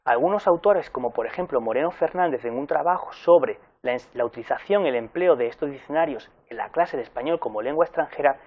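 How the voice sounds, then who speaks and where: Man, university lecturer, explanatory, pausing with fillers, middle pitch, slightly muffled recording. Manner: explanatory, pausing often with fillers and self-corrections.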